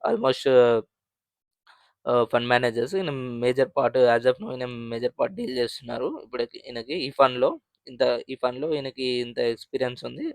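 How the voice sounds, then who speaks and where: A man's voice: medium pitch, lively intonation, a little fast, dry recording, studio quality. A man hosting a finance channel, explaining mutual fund figures in a conversational way, with frequent fillers and restarts. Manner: conversational, many fillers and restarts, mixes English terms.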